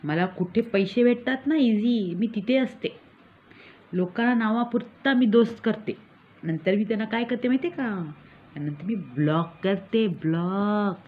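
A tinny, phone-like recording with slight background noise captures a woman's mid-range, everyday-sounding voice at normal speed. In character as a boastful, scheming village mother and con artist, she gloats and mocks gleefully in a comic sketch.

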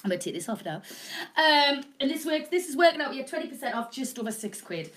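Sing-song and quick, with a high, slightly bright voice, this middle-aged Northern English woman chats and jokes her way through a rambling live home shopping show. She has a cold, sounding snotty and coughing. The sound comes from a nearby camera mic in a small indoor room, with no proper microphone.

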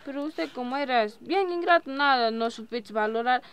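Woman doing a proud farm-girl wife, blunt, high voice, homemade skit. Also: expressive, moderate pace, fairly bright tone, clean tone. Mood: firm. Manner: blunt, firm. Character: proud rural wife leaving her husband, young woman. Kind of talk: amateur drama skit.

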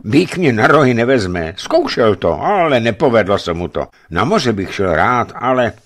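A man voicing a huge, lovesick young watchman in a read-aloud story, speaking plainly and loudly. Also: very animated. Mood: earnest. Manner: booming yet shy, talks plainly.

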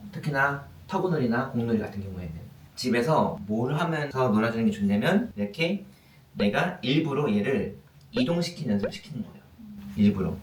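Dog trainer man, lively voice, roomy room. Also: medium pitch, a little hiss or hum. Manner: calls the dog with repeated short commands. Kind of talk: explaining and demonstrating dog training. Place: indoors, small room. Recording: roomy sound, distant mic, music behind.

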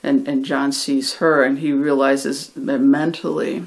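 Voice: mid-range voice, flat delivery, measured pace, creaky. An English-reading teacher casually retelling a book chapter in a loose, conversational way, often restarting phrases and acting out what the characters say. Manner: loose and conversational, with frequent restarts and acted quotes.

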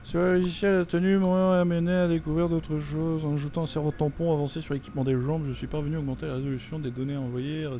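Mellow-voiced French gamer joking along. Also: male voice, a little high, flat delivery, fast talker, hardly any pauses, a little hiss or hum. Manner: joking, swearing, reads game text aloud. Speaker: gameplay commentator. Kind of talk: casual let's-play commentary. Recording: faint game music behind.

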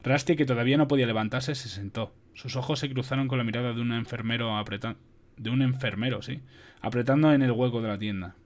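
A man's voice: mid-range voice, quick pace. A man reading an audiobook casually, with swearing asides, on a home microphone. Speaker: audiobook reader.

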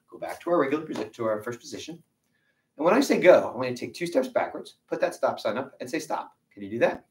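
A man teaching kids karate over a video call, counting out drills and coaching each stance with steady encouragement. His voice swings up and down lively. It comes from away from the camera mic, in a roomy space. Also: medium pitch. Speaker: karate instructor. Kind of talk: online kids' karate class. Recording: roomy, from a distance.

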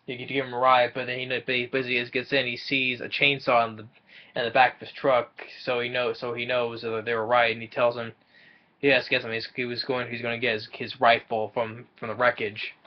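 Young man, movie recap vlog, halting and repetitive delivery, mid pitch, slightly muffled webcam audio. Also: completely flat delivery. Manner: halting, stumbling over repeated words. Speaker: movie reviewer. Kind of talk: casual plot recap. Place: small room indoors.

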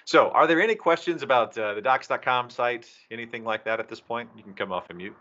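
Talking fast in a mid-range, bright, forceful voice, a documentation team member delivers a technical presentation to a user group over an online video call. He's indoors on a video call microphone, and the sound is slightly dull.

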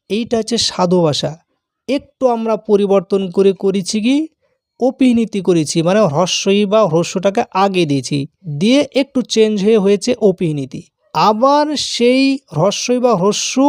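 A man teaching a grammar lesson, explaining slowly and patiently and repeating the key terms. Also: sits high, darkish tone, no echo, studio quality.

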